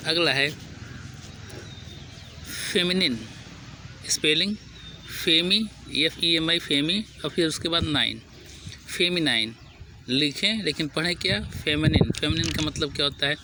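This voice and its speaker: A man with an Indian accent teaching English pronunciation, repeating each word slowly, spelling it out letter by letter, and asking and answering his own questions. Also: on the high side, background noise. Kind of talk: spoken vocabulary lesson.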